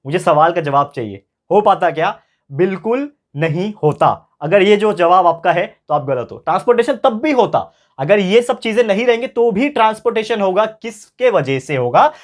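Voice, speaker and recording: Man, high voice, tutor from India, slow repeated phrases, quizzing students. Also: lively intonation. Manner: explains slowly, repeating phrases, asking students questions; mixes English phrases into speech. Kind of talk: classroom lecture to students.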